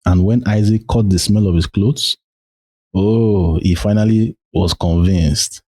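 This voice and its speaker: A man's voice: lowish voice, measured pace, warm tone, dry recording. A Nigerian-accented man hosting a podcast, reading Bible verses aloud and swearing at them in between. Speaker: podcast host. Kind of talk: Bible reading with ranting commentary.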